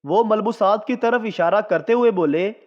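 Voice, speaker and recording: A man reading out a series of short jokes in a scripted, unhurried storyteller's delivery. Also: high voice. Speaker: joke narrator. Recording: dull lo-fi sound with long reverb.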